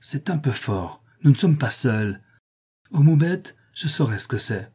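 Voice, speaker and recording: Man doing a hot-headed young adventurer, emphatic, darkish husky voice. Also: mid-range voice, measured pace, mellow. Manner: emphatic, exclamatory. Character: bold young Frenchman adventurer, hot-tempered.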